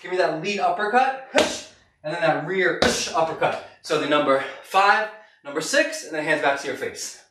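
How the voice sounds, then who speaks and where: A middle-aged man with a fairly high voice leads a boxing class while hitting a punching bag. He calls short, punchy, encouraging cues. He is far from the microphone in an echoey space with very loud noise. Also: expressive, normal speed. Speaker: boxing fitness coach. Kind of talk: live workout instruction. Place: garage gym, indoors, camera several metres away. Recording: echoey noisy garage, far from mic.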